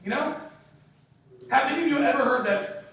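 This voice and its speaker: A man's voice: very high-pitched, normal speed, a bit bright. A man in his twenties gives a sales training talk to a group, emphatic and punchy, firing off rhetorical questions and swearing casually. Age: 20s. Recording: very echoey room, distant mic, faint hiss.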